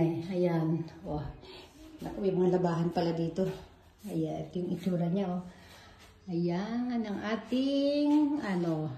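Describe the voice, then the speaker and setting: A woman's voice: medium pitch, dark tone. Chatty woman touring a hotel. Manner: chatty, calls to her child, points things out. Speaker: travel vlogger. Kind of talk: casual hotel tour vlog. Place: hotel lobby and halls, indoors. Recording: handheld camera, noisy background.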